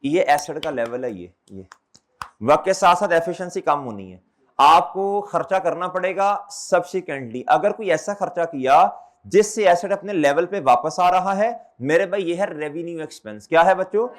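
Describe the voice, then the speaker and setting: A man's voice: fairly high pitch, animated, normal speed. A man teaching an accountancy class, often repeating his questions back to the students and calling them brother and children. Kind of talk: classroom lecture.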